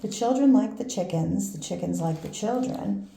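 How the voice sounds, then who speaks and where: An older woman reads a children's storybook in a grandma voice. Her tone is very mellow and dark, with a gravelly creak. She takes her time with expressive pauses and small asides, recorded in an echoey room. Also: medium pitch. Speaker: grandmother reading picture books to a baby. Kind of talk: read-aloud children's storytelling. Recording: roomy echo, faint background noise.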